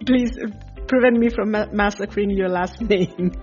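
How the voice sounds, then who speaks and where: A woman's voice: medium pitch, normal speed, a little mellow. A woman hosting a podcast interview, friendly and casual. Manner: friendly, laughs through slips. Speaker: podcast host. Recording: dull studio sound with faint music behind.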